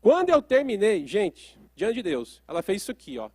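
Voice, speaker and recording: Man, therapist lecturing, high voice, dry sound, asks the audience questions. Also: huge pitch swings, normal speed, a little mellow, dry recording. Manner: questions the audience often, storytelling.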